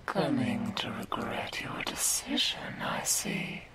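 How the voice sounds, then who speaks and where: A woman plays a slow, whispering, sinister demon girl in a whispered ASMR roleplay, recorded on a close binaural microphone. Her breathy, mostly unvoiced whisper has a rumbling low edge. She sounds mocking and menacing, with a slow, condescending, theatrical delivery.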